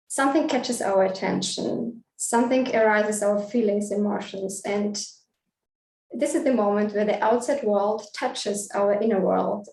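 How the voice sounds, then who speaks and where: A woman's voice: medium pitch, a little mellow. A woman who grew up in Russia and Vietnam, giving a thoughtful festival talk on street photography with frequent hesitant fillers. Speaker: guest speaker, street photographer. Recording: echoey room, distant mic.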